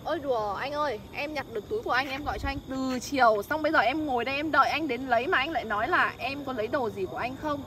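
A woman's voice: sits high, racing, hardly any pauses, far from the mic. A woman who found a bag, talking exasperated and pleading at a roadside in the evening, in a staged street drama. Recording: street noise behind.

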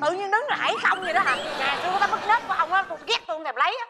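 A woman's voice: extremely high pitch, lively intonation, racing. A woman comedian in a stage sketch, scolding and bickering shrilly, laughing between jabs. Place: stage before a live audience. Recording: live stage, long hall reverb, music and crowd.

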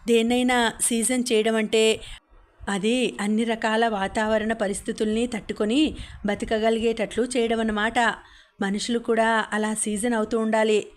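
A woman voicing a calm, kindly middle-aged husband who is an engineer, explaining things gently, in an audiobook. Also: a little high, normal speed, close to an everyday voice. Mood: gentle.

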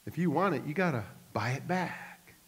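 A man voicing a stubborn male shopkeeper who speaks low and flat and will not give in. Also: normal speed, husky. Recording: long reverb of a church hall.

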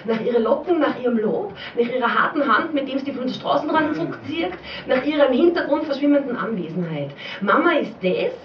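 Rhythmic and repetitive, a woman's dialect-flavored spoken-word piece rings out at a poetry slam in a small pub, before an audience. Her voice is high with lively intonation, a little fast and with few pauses. The live recording sounds dull, roomy and distant, with slight background noise.

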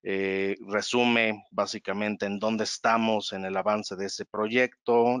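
A man presenting slides in a webinar, explaining in a measured way and calling for the next slide. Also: lowish voice, fairly bright tone, dry recording, studio quality.

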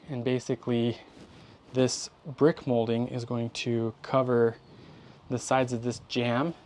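A man in his thirties, a building contractor, giving an upbeat, chatty step-by-step walkthrough outdoors, filmed on a phone held at arm's length. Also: mid-range voice. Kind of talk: on-site how-to walkthrough. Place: outdoors at a basement walkout door.

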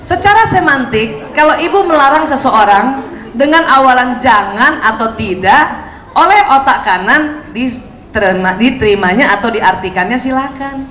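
A woman in her fifties giving a lively religious parenting talk to mothers, acting out quoted speech and laughing often. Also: high-pitched, moderate pace, roomy sound, rough recording. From Indonesia.

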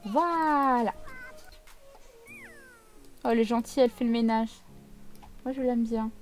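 Chatty high-voiced woman. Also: unhurried, soft background music. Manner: chatty, playfully teasing. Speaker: video game let's player. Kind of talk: casual gameplay commentary.

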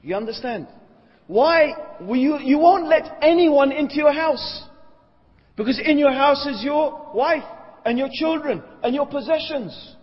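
Male lecturer, very high voice, rhetorical and probing, recorded in a long-reverb hall on dull audio. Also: lively intonation, unhurried. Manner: rhetorical, checks in with listeners. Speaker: Islamic lecturer. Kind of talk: religious lecture.

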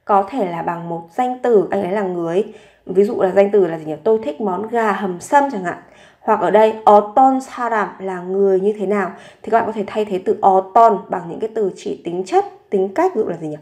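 A woman's voice: medium pitch, expressive, brisk, darkish tone. A woman teaching vocabulary, patiently repeating words and asking herself questions as she explains example sentences. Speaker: Korean language teacher. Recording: roomy echo.

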